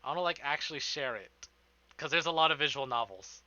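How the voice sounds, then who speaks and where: A live streamer chats casually with his viewers, rambling and swearing in an informal way. His very bright, forceful voice sits a little high for a man, with lively intonation and a quick pace. The stream audio has no echo but sounds slightly dull and band-limited.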